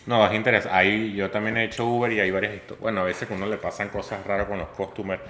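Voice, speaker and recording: A young man chats as a podcast guest and acts out the lines of the people in his stories. His voice sits low but has a bright, forceful edge. The room adds a roomy echo. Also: flat delivery, fast talker, a little hiss or hum. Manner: chatty, slangy, acts out dialogue. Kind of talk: casual storytelling.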